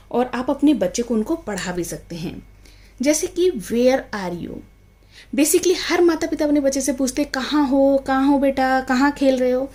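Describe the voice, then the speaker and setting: High-voiced woman teaching parents. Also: a little mellow. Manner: mixes Hindi with English phrases, addresses viewers as friends; acts out a mother calling her child. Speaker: parenting tutor teaching English phrases. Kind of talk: casual home lesson to parents.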